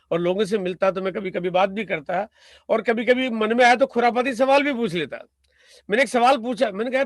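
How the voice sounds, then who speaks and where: A man's voice: high-pitched, dry recording, clean studio sound. A man from India giving a motivational business talk, emphatic and rhetorical, stacking repeated phrases and asking his listeners "right?".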